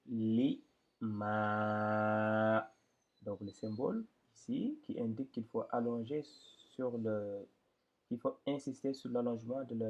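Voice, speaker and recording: A man teaching a step-by-step reading lesson, patiently explaining and drawing out syllables slowly and loudly for students to repeat. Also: medium pitch, husky. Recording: dull lo-fi recording.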